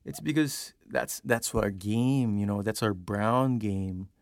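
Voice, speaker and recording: Filipino guy rambling on his podcast, swears a lot, kinda gravelly, dry mic. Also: on the low side, slow, no room sound. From Philippines. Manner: rambling, profane, switches between English and Tagalog. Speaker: podcast host. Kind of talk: casual podcast monologue.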